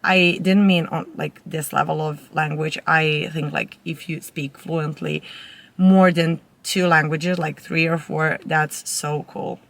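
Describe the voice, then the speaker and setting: Chatting to camera as a vlogger, a young Serbian woman speaks slowly in a low, creaky voice with fairly even intonation. She has a Serbian accent, and her informal talk rambles with self-corrections.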